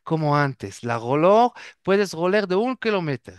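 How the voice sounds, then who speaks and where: Halting man telling stories. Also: on the high side, big pitch swings, clean tone, no room sound. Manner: halting, searches for words, restarts often. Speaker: guest. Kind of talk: casual storytelling.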